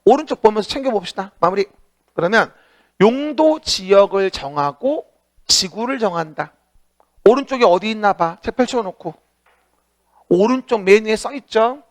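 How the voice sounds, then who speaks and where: A man's voice: high voice, animated, normal speed. A man giving an exam-prep lecture, asking rhetorical questions and repeating key points for students to recite.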